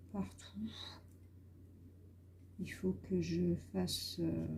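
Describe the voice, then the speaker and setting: A woman's voice: lowish voice, vocal fry, mellow, slight background noise. A woman vlogger chatting casually and hesitantly while she colors, with many fillers. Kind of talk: casual coloring vlog chat.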